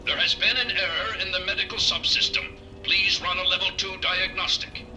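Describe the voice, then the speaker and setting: Glitching robot medic. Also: male voice, sits high, fairly quick, far from the mic, soft background music. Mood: clinical. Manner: flat clinical machine announcements. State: glitching, reporting errors. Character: malfunctioning male robot field medic. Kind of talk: video game character dialogue.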